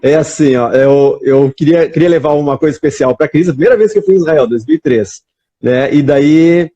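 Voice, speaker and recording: A man's voice: fairly high pitch, brisk, mellow, highs cut off. A man with a Brazilian accent chatting on a live video call, rambling and tossing in frequent "né?" as he tells stories. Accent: Brazilian Portuguese. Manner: rambling storyteller, many restarts and "né?". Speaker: guest. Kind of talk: casual chat on a live stream.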